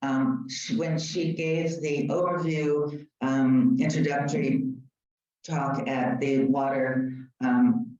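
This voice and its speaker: Low-voiced woman sharing updates at a community meeting, recorded from across an echoey room. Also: steady tone, slow pace, warm tone. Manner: chatty, informative, with many fillers. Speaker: community group member. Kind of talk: informal meeting remarks. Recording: roomy, distant, dull room mic.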